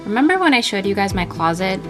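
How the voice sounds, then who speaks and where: A woman's voice: mid-range voice, big pitch swings, fast, music in the background. Chatty twenty-something woman vlogging. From Colombia. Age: 20s. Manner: chatty and candid, with frequent fillers. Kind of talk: casual vlog chat to camera. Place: home while packing to move.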